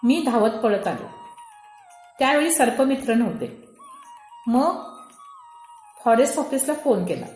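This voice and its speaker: A woman from India reading aloud her own personal essay in a slow, measured storytelling manner. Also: on the high side, wildly swooping pitch, a little mellow, reverberant, faint music behind.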